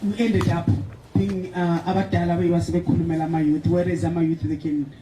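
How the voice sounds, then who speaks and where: A man's voice: fairly high pitch, little pitch movement, brisk. A man with a Zimbabwean Ndebele-English accent speaking on a panel. He switches between languages and stops often to search for words. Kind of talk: panel discussion remarks. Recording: echoey hall from far off, with noise.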